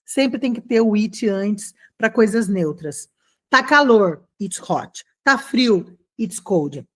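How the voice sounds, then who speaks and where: A middle-aged woman teaching an English lesson in a chatty, encouraging way, slowing down to model phrases. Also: medium pitch, lively intonation. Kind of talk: casual online English lesson.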